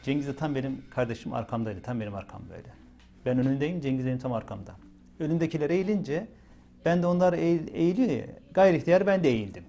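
A man's voice: mid-range voice, animated, quick pace, gravelly, dark tone. A young man recalls events for a documentary in an emotional first-person account, often repeating small filler words as he quotes himself. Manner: retells events with many repeated "dedim" and "böyle" fillers. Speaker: witness interviewed for a documentary.

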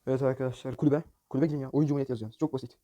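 A man's voice: mid-range voice, fairly even intonation, racing, mellow. A man hosting a gaming channel, commenting on opening loot boxes in a mobile game, exasperated and jokey, often cursing at the game.

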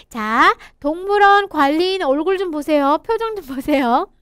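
A woman teaching a children's picture-book English lesson, reading slowly and encouraging the kids to repeat after her. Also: very high voice, expressive, a bit bright, dry recording, studio quality. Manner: slow, encouraging, sing-song reading with laughs.

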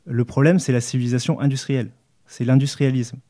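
A man's voice: mid-range voice, steady tone, brisk, warm tone. A man in his thirties, guest on a casual discussion, speaking earnestly into a handheld mic with frequent restarts and fillers. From United States and France, raised in Montreal and New York. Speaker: activist guest. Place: small studio with brick wall.

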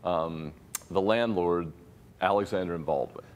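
A middle-aged man, a journalist guest, calmly explaining his reporting in a TV news studio interview. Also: low voice. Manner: measured, explanatory, paraphrasing sources. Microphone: lapel mic.

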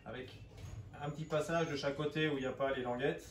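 A man's voice: on the high side, steady tone, quick pace. Man explaining DIY steps in an echoey room. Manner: matter-of-fact, explaining each step plainly. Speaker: DIY channel host. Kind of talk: casual step-by-step DIY narration. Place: home room by windows, indoors. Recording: echoey room, distant mic, background noise.

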